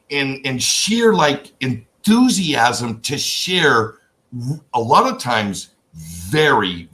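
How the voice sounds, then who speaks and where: A man's voice: medium pitch, bright, forceful tone. An older man hosting an interview show, talking in an enthusiastic, rambling way with frequent restarts. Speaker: host. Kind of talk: casual interview chat.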